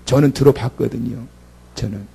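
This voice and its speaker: Gravelly-voiced man preaching a sermon. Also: medium pitch, moderate pace, mellow, a little hiss or hum. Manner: dramatic, acts out the speakers in the story. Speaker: pastor.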